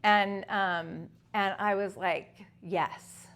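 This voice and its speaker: A woman's voice: medium pitch, steady tone, drawn-out words, a bit bright. Fifty-something woman giving a conference talk, chatty, lots of ums and restarts. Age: 50s. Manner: conversational, many fillers and restarts. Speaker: conference speaker. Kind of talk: personal story talk to an audience.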